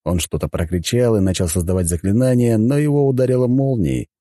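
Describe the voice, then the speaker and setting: A man's voice: fairly low pitch, a little fast, dark tone, no echo. A man narrating an audiobook in first person in a wry, conversational way, close to the mic.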